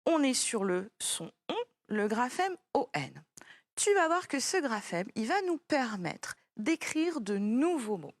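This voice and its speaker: A woman's voice: a little high, very animated, slow pace, no room sound. A woman teaching a child French spelling, patiently spelling words out letter by letter.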